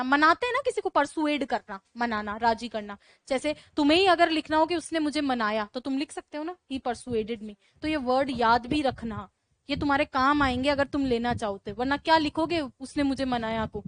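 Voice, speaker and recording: High voiced lady teacher explaining english words, keeps asking the class questions, dry sound. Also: fairly bright tone, dry recording. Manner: brisk, chatty teaching with rhetorical questions to students. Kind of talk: classroom lecture.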